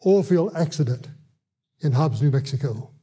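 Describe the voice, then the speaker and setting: Husky, dark-voiced man telling a testimony. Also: on the high side, animated, normal speed. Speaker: hospital evangelist. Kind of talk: testimony storytelling.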